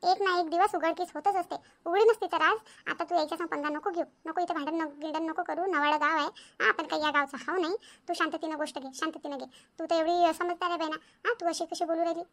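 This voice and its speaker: A woman's voice: very high-pitched, steady tone, fast talker. A woman voicing an anxious, fussy village woman in a cartoon, pleading and soothing her friend. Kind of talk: cartoon voice acting.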